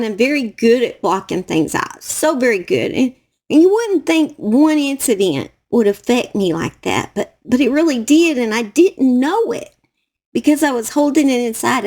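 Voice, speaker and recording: A middle-aged woman with a Southern US accent speaks in a somewhat high voice. She tells her own story to camera in a halting, emotional way and circles back over the same phrases. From Southern United States. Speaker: true crime YouTuber.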